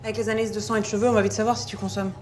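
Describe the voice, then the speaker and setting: An actress playing a brisk sarcastic woman cop. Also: mid-range voice, level tone, lightly acted. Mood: stern. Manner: curt, sarcastic. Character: brisk woman police detective, tough and sarcastic. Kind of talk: crime TV drama acting.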